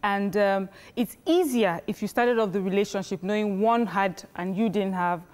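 A woman, a panel guest speaking in a measured way and adding short agreements. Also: mid-range voice, a little mellow. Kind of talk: casual panel discussion. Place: TV studio set.

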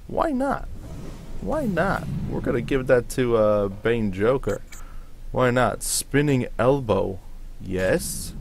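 A man's voice: lowish voice, slight background noise. A man hosting a gaming video with casual commentary, reacting aloud to what appears on screen.

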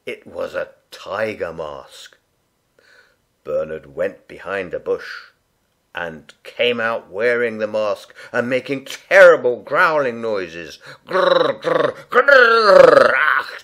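A man reading a children's picture book aloud in a gentle, unhurried, expressive way. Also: fairly low pitch. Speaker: storyteller. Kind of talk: read-aloud children's story.

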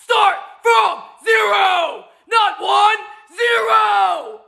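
Lady screaming drill commands, slow and gravelly, crowd noise faint behind. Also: very high voice, pushed and bright, raised voice. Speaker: TikTok creator doing drill sergeant quotes. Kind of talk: shouted drill sergeant impression.

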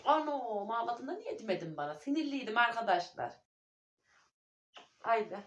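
A woman's voice: on the high side, sing-song, moderate pace. Woman, homey vlogger and mother, talkative, friendly address to viewers, phone-camera sound in a house. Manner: chatty, keeps calling viewers dear friends. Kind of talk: casual home vlog chat. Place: at home indoors.

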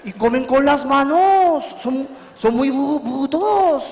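A man's voice: very high voice, expressive, slow pace, a little mellow, a little hiss or hum, pitched above the performer's own voice, exaggerated voice. A man voicing a flustered middle-aged French army general who talks in a frantic, aghast, stammering way. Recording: long reverb of a large auditorium.

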